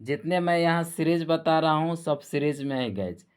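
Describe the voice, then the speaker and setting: A man teaching exam students, going slowly and repeating and correcting names as he goes. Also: a little high, clear, resonant tone. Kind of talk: lecture to students.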